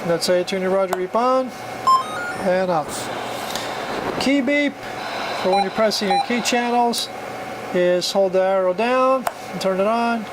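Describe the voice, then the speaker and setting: Here a man with a high voice shows off a CB radio as a product reviewer, talking unhurriedly and pausing often. His hands-on demonstration is relaxed and plainspoken, captured in a noisy amateur recording with heavy background hum.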